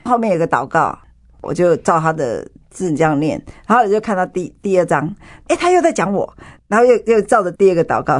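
A woman's voice: sits low, a little mellow, husky. A woman with a Taiwanese Mandarin accent tells her own story as an interview guest. She speaks with feeling and acts out the voices of the people she describes. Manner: vivid storytelling, acts out dialogue. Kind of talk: emotional personal testimony.

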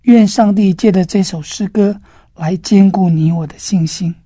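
A woman giving a devotional sermon, telling a story in a gentle, earnest way. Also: mid-range voice, normal speed, slightly rough, no echo, clean studio sound. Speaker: preacher.

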